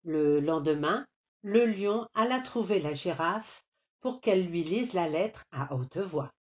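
A woman reading a children's storybook aloud, slow, deliberate and expressive. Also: fairly low pitch.

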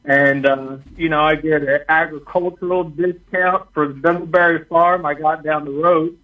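An older male caller speaks over the phone on a call-in radio show. His voice sits a little high and comes through a narrow, tinny line that sounds set back from the mic. He talks haltingly, leaning on fillers as he searches for words. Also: fairly even intonation, distant mic. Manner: hesitant, halting with many fillers.

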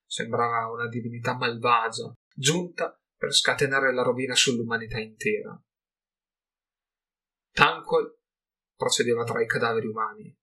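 A man's voice: medium pitch, bright, forceful tone. Man narrating a fantasy audiobook. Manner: measured, dramatic storytelling. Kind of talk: scripted narration.

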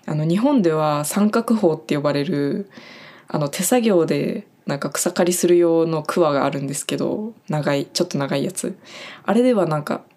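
In a low, darkish voice at normal speed, a young woman from Japan casually explains the German vocabulary she uses in her farm job. It is a friendly, chatty lesson full of fillers.

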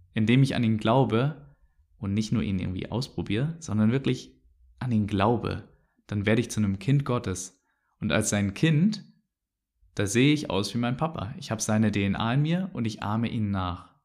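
A man's voice: mid-range voice, a little mellow. Earnest man giving a devotional talk. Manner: earnest, reflective, stresses key phrases. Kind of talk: devotional teaching monologue.

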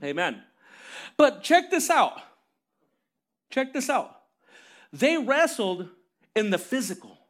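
Pastor guy with a really high bright voice, preaching loose and animated, lots of amens. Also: slow, pauses often. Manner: animated storytelling, calls for amens. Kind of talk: lively conversational sermon.

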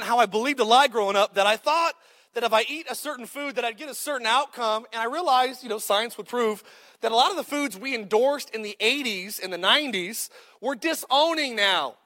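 A man in his thirties delivers a sermon in a very high voice. He is joking and punchy, and he calls out to the congregation. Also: brisk, sharp tone. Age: 30s. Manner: joking, punchy preaching with call-outs to the crowd. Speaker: pastor.

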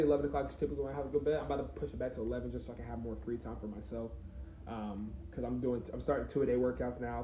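A man's voice: mid-range voice, dark tone, slight background noise. Young man musing on a podcast. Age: 20s. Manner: rambling, reflective, many fillers and restarts. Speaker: podcast host. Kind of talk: casual solo podcast talk. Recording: roomy, slightly dull recording.

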